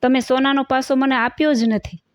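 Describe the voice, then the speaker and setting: A woman's voice: high voice, steady tone, moderate pace, dry recording, studio quality, natural voice. A woman voicing a scheming older woman devotee who suffers in hell, speaking in a pleading, then indignant, manner. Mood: defiant.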